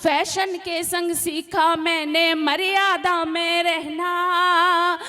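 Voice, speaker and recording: High-voiced woman singing ghazals on stage. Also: fairly bright tone, faint music behind. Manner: sings verses slowly, talks fast between them and asks the crowd to listen. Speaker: poet performing at a comic poetry gathering. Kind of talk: sung ghazal and song recital with spoken links. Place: stage at a live poetry event.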